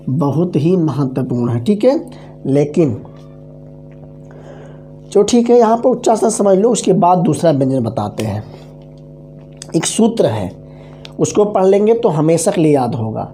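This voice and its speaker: A man delivers an online exam-prep grammar lesson in a mellow, unhurried voice. He chants syllables and memory formulas over and over and keeps pausing to make sure his students follow. Faint music sits under his voice. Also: high voice. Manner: drills syllables slowly, keeps checking understanding; repeats mnemonic formulas aloud. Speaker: teacher.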